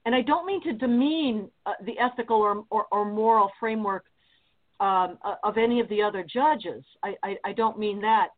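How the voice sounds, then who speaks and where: Female radio guest, mid pitch, halting and earnest, phone-line audio. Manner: hesitant, many fillers and restarts, then earnest. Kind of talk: talk radio interview. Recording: tinny phone-line sound.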